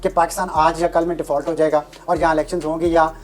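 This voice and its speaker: A Pakistani woman speaks as a television panelist, earnest and lecturing. Her voice sits low and she talks quickly. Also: flat delivery, a little mellow. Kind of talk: TV panel commentary.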